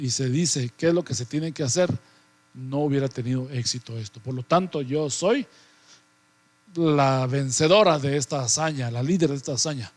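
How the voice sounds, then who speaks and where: A man voicing a proud, defiant talking tongue in a fable, a little higher than average. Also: darkish tone, lightly acted. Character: boastful tongue, a small talking muscle.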